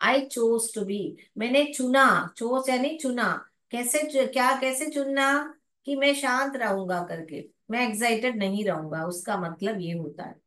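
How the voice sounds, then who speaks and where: A woman teaching a phonics lesson, slowly sounding out words letter by letter and explaining in Hindi mixed with English. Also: on the high side, a bit bright, echoey room.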